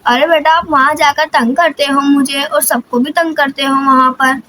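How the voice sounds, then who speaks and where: A woman's voice: high voice, steady tone, moderate pace, sharp tone, a little hiss or hum. A woman voicing a cartoon mother who scolds and instructs her son. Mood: scolding. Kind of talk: cartoon voice-over.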